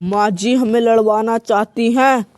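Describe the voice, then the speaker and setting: A cheeky, quick-tongued young daughter-in-law in a comedy skit, played by a woman. She talks back with a high, unhurried voice. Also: fairly even intonation, a little mellow, no echo, lightly acted. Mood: pleading.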